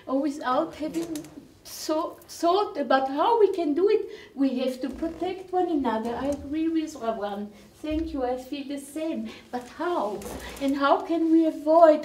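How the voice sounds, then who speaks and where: A woman's voice: high voice, mellow, slight background noise. A woman leading a group, speaking emotionally with sighs and tears in an earnest address. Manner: tearful, sighing, earnest. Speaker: camp leader. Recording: roomy hall from a distance.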